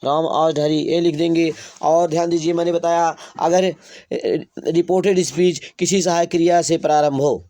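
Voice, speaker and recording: A male teacher giving a grammar lesson in Hindi, dictating example sentences slowly. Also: a little high, fairly even intonation, mellow, dry recording. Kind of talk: classroom lesson.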